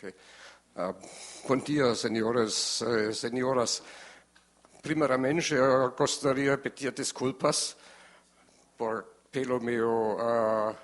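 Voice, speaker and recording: Slow, halting man with a German accent. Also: mid-range voice, steady tone. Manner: halting, searching for words in non-fluent Portuguese. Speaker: presenter. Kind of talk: formal presentation.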